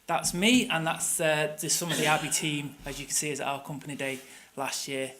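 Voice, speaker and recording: In a conference room, a middle-aged Manchester man who runs tours delivers a chatty presentation peppered with fillers and restarts. His voice is slightly high, bright and forceful, holding a steady tone at a slightly quick pace. He's from England.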